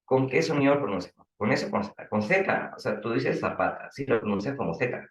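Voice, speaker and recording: In an online class lecture, a man from Peru with a Peruvian Spanish accent teaches language, asking his students questions and explaining through examples. His mid-range voice is fairly quick with lively intonation, recorded roughly in an echoey room.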